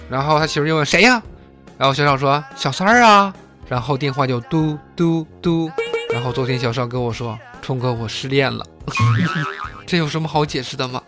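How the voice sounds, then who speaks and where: A man hosting a comedy news talk show, telling jokes and laughing at his own punchlines. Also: a little high. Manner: lively joke-telling with laughs. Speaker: podcast host. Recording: music bed behind voice.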